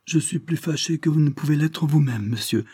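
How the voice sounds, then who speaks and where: A man's voice: a little high, moderate pace, mellow, husky, no room sound, studio quality, pitched above the performer's own voice. A man voicing a flustered, humble male villager who pleads and defends himself. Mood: defensive.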